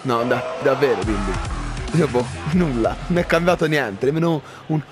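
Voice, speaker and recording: Guy yelling over his football game, voice jumps all over, faint music underneath. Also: medium pitch, normal speed. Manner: excitable, shouts at goals, swears. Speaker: gaming YouTuber. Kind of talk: live game commentary.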